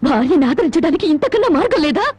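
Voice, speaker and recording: A woman's voice: extremely high pitch, very animated, racing. An actress playing a young wife who bitterly reproaches her gambling husband in a film melodrama. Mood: scolding. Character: wronged young wife Janaki, proud and bitter. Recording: film soundtrack with loud music.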